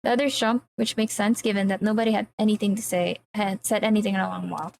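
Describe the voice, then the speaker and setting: A woman streamer reads a game's story aloud into a desk microphone. Her voice sits at an ordinary middle pitch. She narrates with storytelling drama and acts out the characters' lines. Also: steady tone, quick pace, creaky, a little hiss or hum, low-quality recording. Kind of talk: reading a visual novel aloud on a live stream.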